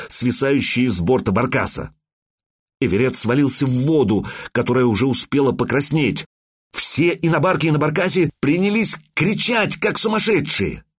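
A man narrating an audiobook in an expressive, dramatic reading. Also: medium pitch, breathy edge. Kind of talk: scripted narration.

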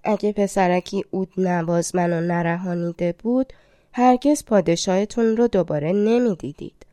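A woman reading the lines of a proud, quick-tempered king in a storybook, close to her own mellow voice. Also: lowish voice, no echo, close to an everyday voice. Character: proud middle-aged male king, quick to anger.

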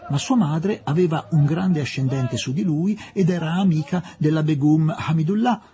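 A man's voice: fairly high pitch, warm tone. A man reading a novel aloud as an audiobook narrator, with a dramatic, varied delivery. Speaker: audiobook reader. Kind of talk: expressive literary narration.

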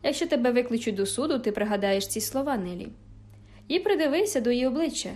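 Woman reading as brooding vengeful man, menacing, commanding, fairly high pitch, storybook reading. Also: expressive, fast, close to an everyday voice. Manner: menacing, commanding, louder than narration.

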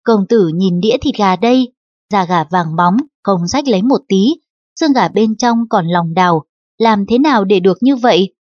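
A woman's voice: medium pitch, moderate pace, no echo, lightly acted. A woman reading as a patient young cook. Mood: explaining. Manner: calm, instructive explaining. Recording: dull lo-fi audiobook recording.

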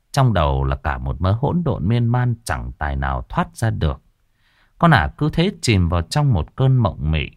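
A man's voice: sits low, darkish tone, no echo, studio quality. A man narrating a scripted ghost story in a dramatic, lingering way.

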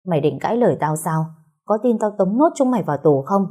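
Woman voicing a gruff angry father, shouting threats, low husky tone, storybook. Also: expressive, fast talker. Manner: barking orders, threatening. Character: harsh powerful father, a gruff older official.

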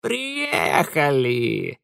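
Man doing a croaking otherworldly creature. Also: on the high side, wildly swooping pitch, fairly bright tone, no echo, clean studio sound, full character voice. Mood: sardonic. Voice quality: hoarse, creaky. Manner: slow, curt croaks. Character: raspy croaking female spirit creature, sardonic.

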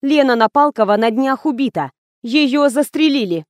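A woman's voice: high voice, expressive, moderate pace, dry recording, clean studio sound. A woman voicing a stern woman investigator who talks in curt, commanding lines.

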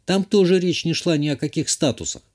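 A man narrating an audiobook in the first person, with a steady, even delivery. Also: on the high side, brisk.

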